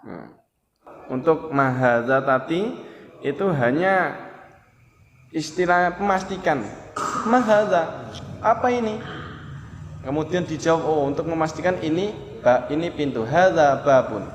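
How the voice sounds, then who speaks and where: A man teaches beginner Arabic in a calm, step-by-step way, pausing to prompt his student. His voice sits a little high. The recording is lo-fi and echoes in a room with a faint ambient hum. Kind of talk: classroom explanation with a student. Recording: roomy, dull lo-fi with faint ambience.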